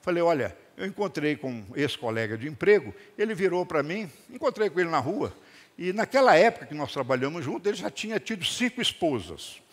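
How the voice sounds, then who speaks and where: A man's voice: fairly high pitch, brisk. An older man with a Brazilian accent, preaching a sermon to a congregation and telling stories with acted-out dialogue. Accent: Brazilian Portuguese. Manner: lively storytelling with acted-out dialogue and jokes. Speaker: rabbi preaching. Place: congregation hall. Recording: long hall reverb.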